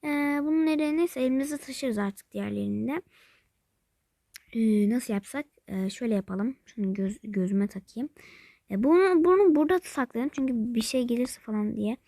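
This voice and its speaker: Woman chatting through her game, kinda high voice, muses out loud, slips into whispers a lot, dry close sound. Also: normal speed, dry recording. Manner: chatty, thinks aloud, often drops to a whisper; calls viewers by pet names. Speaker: game vlogger. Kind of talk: casual play-along narration of a mobile game.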